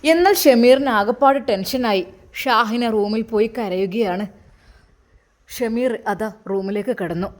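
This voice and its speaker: A woman's voice: fairly high pitch, measured pace. Malappuram woman narrating a family story. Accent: Malappuram Malayalam.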